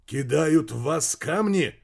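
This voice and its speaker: A man's voice: fairly high pitch, lively intonation, slow pace, vocal fry, darkish tone, pitched above the performer's own voice, heavily acted. A man voicing a stern, curt male admiral in an audiobook, barking short orders. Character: stern commanding male admiral, middle-aged. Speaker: audiobook character.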